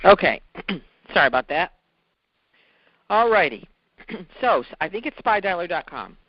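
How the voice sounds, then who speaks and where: In a dull, lo-fi recording, a sales trainer talks informally and unhurriedly, breaking things down step by step and restating key ideas. His voice sits high and is very animated.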